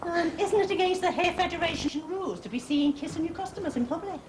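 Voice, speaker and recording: A woman's voice: very high-pitched, fast. An actress playing a gushing, sentimental woman in a 1980s TV soap, heard on a hissy old broadcast. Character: gushing, sentimental older-ish neighbour woman.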